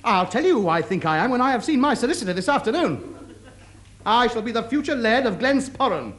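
A man's voice: extremely high pitch, very animated, fairly quick. An actor playing a pompous, self-deluded man who fancies himself a Scottish laird, in theatrical radio sitcom style with mock-Scottish phrasing. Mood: indignant. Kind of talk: studio radio sitcom acting. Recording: noisy vintage radio comedy recording.

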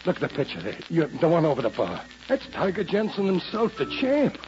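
A man's voice: fairly high pitch, huge pitch swings, fairly quick, a little mellow, slight background noise. An actor playing a cocky, touchy tough-guy boxer with slangy street talk in a 1940s radio drama. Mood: boastful, defensive. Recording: muffled vintage radio recording.

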